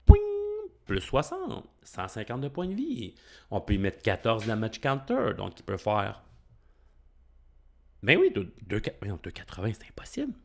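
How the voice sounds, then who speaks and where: A middle-aged man with a Québécois French accent, giving excitable, casual commentary while opening trading cards and thinking aloud. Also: lowish voice, measured pace, gravelly. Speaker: card-opening YouTuber.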